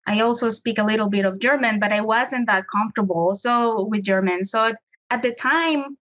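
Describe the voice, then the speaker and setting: A fairly bright, higher voice at a moderate pace belongs to a late-thirties Colombian woman being interviewed as a guest. She speaks Colombian-accented Spanish, answering thoughtfully and restarting while searching for words; the audio's highs are cut off.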